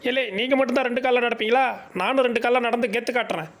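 A man's voice: extremely high pitch, fairly even intonation, racing, fairly bright tone. A man doing comic, teasing voice-overs for animals in a bantering, cartoonish way. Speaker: comedy voice-over creator. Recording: noisy background.

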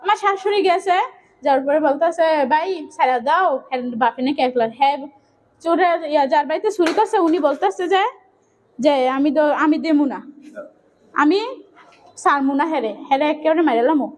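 A young woman, a family member of the victims, urgently recounts a violent family tragedy as an emotional eyewitness, close to tears and quoting what others said as she goes. Her voice sits high and is brisk and a little mellow.

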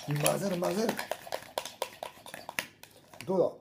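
A man's voice: high-pitched, normal speed, background noise. A middle-aged man with a Kansai Japanese accent, chatting casually and muttering to himself as he cooks and tastes. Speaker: food vlogger. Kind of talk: casual chat while cooking and tasting. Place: small indoor room at a table.

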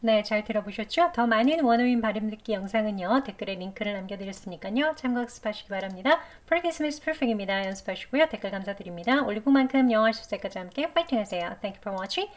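A woman teaching English pronunciation, explaining patiently step by step and saying words slowly with careful over-articulation. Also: mid-range voice, animated. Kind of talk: pronunciation lesson.

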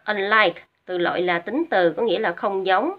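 On dull, lo-fi audio, a Vietnamese-accented female teacher records a vocabulary lesson for students, working through English words patiently and step by step. She says each word twice as a pronunciation drill, with small hesitant fillers, speaking at normal speed in a middle-pitched voice.

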